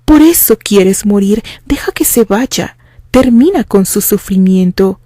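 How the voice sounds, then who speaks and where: A woman voicing a gentle young woman who speaks softly and slowly, calm but menacing. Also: medium pitch, no room sound, studio quality.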